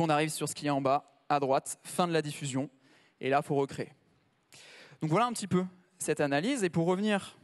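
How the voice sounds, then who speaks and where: Man, fairly high voice, conference talk, chatty asides, long hall reverb. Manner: conversational, asks the audience, many asides. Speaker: conference speaker.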